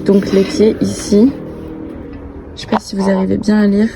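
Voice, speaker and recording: A woman's voice: mid-range voice, flat delivery, normal speed, over music. A young adult woman chatting casually to camera in a bubbly, gushing way full of slang. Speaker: vlogger. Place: outdoors near passing cars. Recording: outdoor recording with clear traffic noise.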